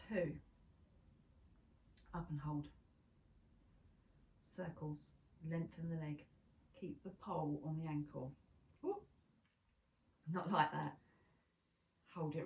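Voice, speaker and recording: A woman instructor leading a pilates class, counting down reps and giving steady step-by-step cues. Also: sits low, a little hiss or hum. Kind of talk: guided exercise class cueing. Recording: echoey room from a distance.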